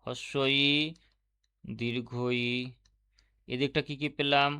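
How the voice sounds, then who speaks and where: A man's voice: medium pitch, steady tone, slow pace, creaky, bright, forceful tone. Bengali man teaching a grammar lesson. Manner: explains step by step, asks and answers his own questions. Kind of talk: online exam-prep lesson.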